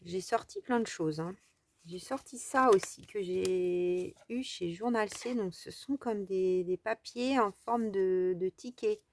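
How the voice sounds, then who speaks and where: Creaky-voiced French woman crafting. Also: medium pitch, takes it slowly, slight background noise. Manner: chatty, thinking aloud while crafting, trailing fillers. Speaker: crafting video host. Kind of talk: casual crafting tutorial chat.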